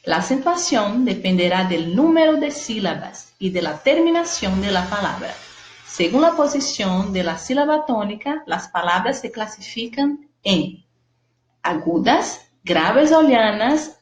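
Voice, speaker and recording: A woman's voice: medium pitch, very animated, unhurried. A Brazilian Portuguese-speaking woman teaching a lesson, explaining patiently and checking in with her students often. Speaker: Spanish teacher. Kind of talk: recorded classroom lesson. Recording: echoey room.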